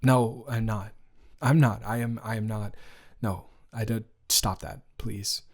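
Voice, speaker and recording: In an improvised intimate audio roleplay, a man plays a young best friend who is indignant yet gentle, his speech halting, emotional and natural. Here he sounds flustered and earnest, with a fairly low pitch and steady tone.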